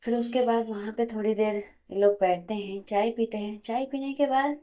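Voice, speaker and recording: A woman's voice: fairly high pitch, fairly even intonation, normal speed, mellow. A woman narrating a romantic story in a plain, chatty way, voicing all the figures herself.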